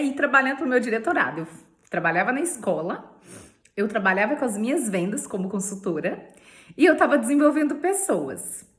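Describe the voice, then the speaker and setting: A Brazilian woman telling her sales career story in a playful way, laughing often and tagging lines with "né?". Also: on the high side. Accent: Brazilian Portuguese. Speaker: beauty sales director. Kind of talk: personal testimony vlog.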